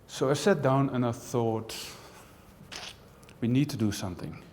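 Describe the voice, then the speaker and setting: A man's voice: medium pitch, measured pace, a little mellow. A man who grew up in the Netherlands, a university professor giving a conversational conference talk to an audience, with dry jokes and frequent asides. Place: large auditorium. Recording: long hall reverb from a large auditorium.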